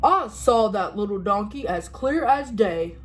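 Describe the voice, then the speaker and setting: A woman's voice: mid-range voice, expressive, a little slow, natural voice. A woman voicing a mean, hungry male lion who mutters to himself in a storybook reading. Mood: baffled.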